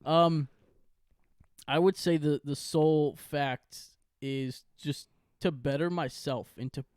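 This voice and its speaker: A man's voice: on the high side, fairly even intonation, slow, darkish tone, no echo, clean studio sound. A young man co-hosting a casual podcast chat over a video call, laughing often and swearing casually. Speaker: podcast co-host.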